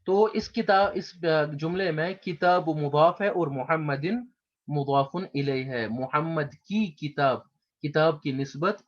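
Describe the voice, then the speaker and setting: Slow, patient male grammar teacher. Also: on the high side. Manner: patient, repeats terms slowly for students. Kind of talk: slow explanatory lecture. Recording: dull lo-fi recording.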